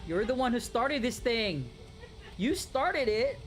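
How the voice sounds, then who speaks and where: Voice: medium pitch, big pitch swings, slow pace. Chatty streamer from the Philippines. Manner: chatty, rambling with many restarts, talks straight to viewers. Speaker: gaming streamer. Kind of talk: casual live-stream chat answering viewers.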